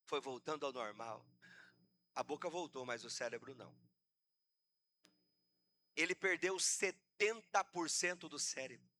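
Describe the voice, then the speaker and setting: Brief: Brazilian male pastor, impassioned sermon delivery, high and very bright voice. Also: unhurried, long pauses. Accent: Brazilian Portuguese. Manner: impassioned preaching, acts out voices of church members.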